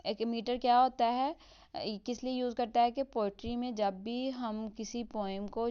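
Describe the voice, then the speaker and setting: Smooth-voiced woman teaching a lesson. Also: medium pitch, dark tone, highs cut off. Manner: mixes English terms into Hindi speech, reads example lines slowly. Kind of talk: explanatory lesson.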